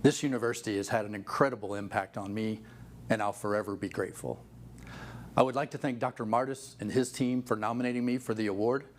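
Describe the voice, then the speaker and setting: A man in his fifties speaks in a fairly low voice, reading a prepared acceptance speech as an award recipient. Faint noise sits behind him. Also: steady tone, fast talker. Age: 50s.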